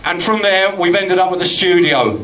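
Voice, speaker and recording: At the opening of a community studio, the project organiser, a man with a Cockney accent, gives an earnest, rambling, self-deprecating thank-you speech. His voice sits high and comes across pushed and bright at normal speed, in a rough recording.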